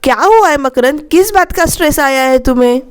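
A worried young wife, coaxing and pleading with a husband who shuts her out, as a narrator quotes her. Her lines come high and a little slow in a TV serial retelling. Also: expressive.

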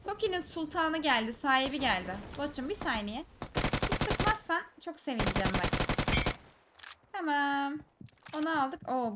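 A woman giving live commentary over her own mobile shooter match, teasing enemy players and breaking into excited shouts. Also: high voice, background noise. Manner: teasing, talks to enemies, bursts of excited shouts. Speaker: gaming streamer. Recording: loud gunfire game audio behind. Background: game gunfire and clicks.

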